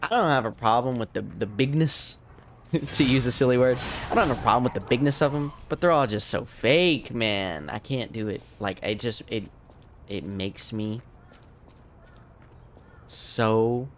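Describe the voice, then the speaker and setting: A man's voice: on the low side, moderate pace, a little hiss or hum. A man from the United States chatting casually with viewers on a late-night game stream, tired and losing his voice. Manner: laid-back, rambling, chatting to viewers. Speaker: streamer and language teacher. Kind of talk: casual livestream chat while gaming.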